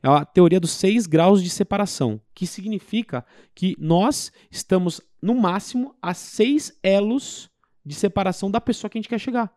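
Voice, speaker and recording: A man's voice: high-pitched, lively intonation, normal speed, darkish tone, no room sound, studio quality. A man explaining sales techniques in a casual conversation, with emphatic, practical examples. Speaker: business guest. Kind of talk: casual sales advice talk.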